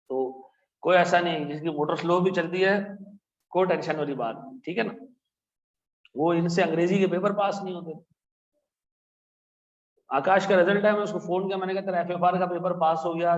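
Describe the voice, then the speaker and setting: A male accounting teacher who lectures in a chatty way, telling stories and often asking "theek hai na?". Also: a little high. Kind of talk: classroom lecture with anecdotes. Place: classroom. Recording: echoey classroom, dull lo-fi sound.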